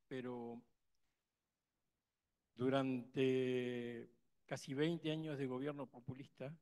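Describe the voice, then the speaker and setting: Speaking up from the audience at a conference to ask a question, a man with an Argentine Spanish accent makes an impassioned remark, emphatic and rambling with many restarts. His mid-range, darkish voice is flat in delivery and slow.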